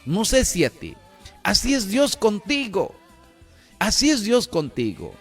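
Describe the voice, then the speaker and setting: Animated man preaching. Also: sits high, a little slow, husky, faint music behind. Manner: animated, chuckling, repeats "¿no es cierto?". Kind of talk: sermon.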